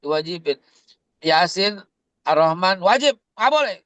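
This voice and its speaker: Animated slangy man telling stories. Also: sits high, unhurried, dry recording. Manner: animated storytelling, slangy, acts out quotes. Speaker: co-host of religious talk. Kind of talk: casual religious discussion.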